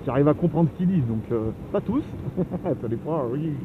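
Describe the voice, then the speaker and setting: A man's voice: on the high side, lively intonation, normal speed. A man from France chatting casually as he rides a motorbike, rambling and laughing often, recorded on a helmet camera. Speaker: motovlogger. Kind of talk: casual riding commentary. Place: on a motorbike on the open road. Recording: phone-like sound, loud wind noise.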